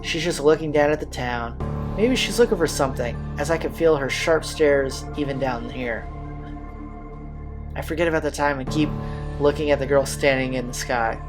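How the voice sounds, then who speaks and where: At a moderate pace and fairly high pitch, a man reads aloud from a visual novel while hosting a playthrough. He uses slangy, informal phrasing and casual asides. Music from the game plays behind him.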